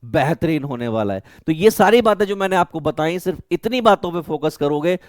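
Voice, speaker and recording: A man's voice: fairly high pitch, expressive, fairly quick, no room sound, clean studio sound. A young Indian man teaching students, giving study advice like a big brother and asking and answering his own questions. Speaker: online teacher for class 11 students. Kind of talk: motivational study-advice lesson.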